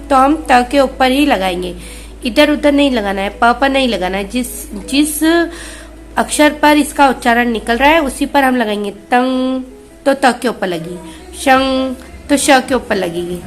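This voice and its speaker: A high-voiced woman speaks with great slowness to very young pupils. She drags each word out, then says it again, and answers her own questions. Faint music sits under her voice. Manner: stretches each word slowly, then repeats it. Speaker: kindergarten Hindi teacher. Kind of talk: online class lesson for small children.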